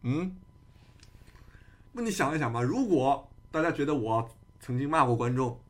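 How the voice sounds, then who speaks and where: A man's voice: mid-range voice, expressive, moderate pace. A man hosting a casual livestream chat, arguing his case with many rhetorical questions. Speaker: streamer host.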